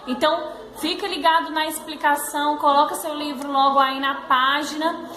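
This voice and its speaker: A woman's voice: sits high, fairly even intonation, moderate pace, bright, forceful tone. A woman teacher introducing the day's lesson and speaking directly to her students. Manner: friendly, addresses students directly. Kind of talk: class introduction. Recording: echoey room with background noise.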